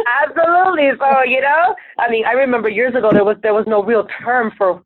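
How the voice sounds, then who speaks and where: A Venezuelan life coach, a native Spanish speaker, answers interview questions in a slightly high, brisk voice. She comes across earnest, upbeat, and self-assured. The line sounds tinny and phone-like, with a dry quality.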